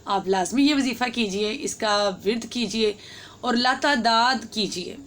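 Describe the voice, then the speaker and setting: A woman giving earnest devotional advice, urging listeners on and slowing down to spell out words. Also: fairly high pitch, fairly bright tone. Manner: urging and reassuring, slows to spell out recitation. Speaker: religious YouTube host.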